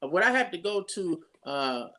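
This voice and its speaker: A man's voice: high voice, big pitch swings, measured pace, bright, forceful tone. A pastor, talking casually and rambling through his introduction of a guest with many restarts.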